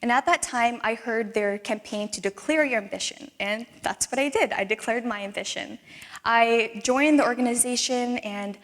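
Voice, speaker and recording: A woman's voice: a little high, normal speed. A young woman in her twenties from the Philippines, giving a talk and performing a spoken word poem with earnest, rhythmic emphasis. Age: 20s.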